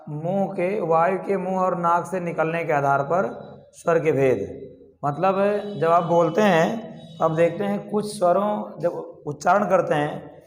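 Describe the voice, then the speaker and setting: A male teacher explains grammar slowly, asking rhetorical questions and answering them himself. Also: sits high. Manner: slow, deliberate explaining. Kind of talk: classroom grammar lesson. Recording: echoey classroom with long reverb.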